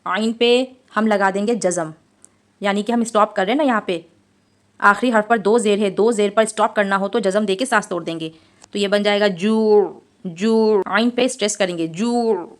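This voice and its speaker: A woman's voice: mid-range voice, steady tone. Patient woman teaching recitation rules. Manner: patient, explains each mark then models the sound slowly. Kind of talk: step-by-step recitation lesson.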